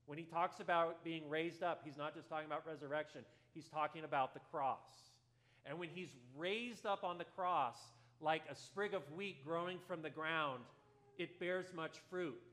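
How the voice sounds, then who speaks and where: Man, pastor, sermon, earnest storyteller, softens at tender parts, slightly high pitch. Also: normal speed. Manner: earnest storytelling, drops softer for quoted lines.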